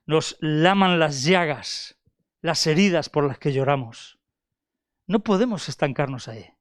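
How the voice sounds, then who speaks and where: An older man preaching a sermon, asking rhetorical questions and repeating phrases, moving between raised and hushed delivery. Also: high voice, clean tone, no echo.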